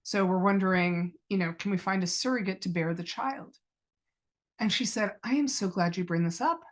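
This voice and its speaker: Middle-aged woman guest, medium pitch, earnest personal storytelling with quoted dialogue. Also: moderate pace. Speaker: podcast guest.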